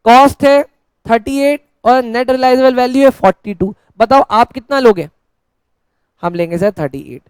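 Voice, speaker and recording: A man's voice: very high voice, darkish tone, clean tone, no echo. Playful Hindi-speaking male teacher, dry close sound. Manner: playful, switches between teacher and mock student voice; dictates slowly, word by word. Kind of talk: classroom lecture.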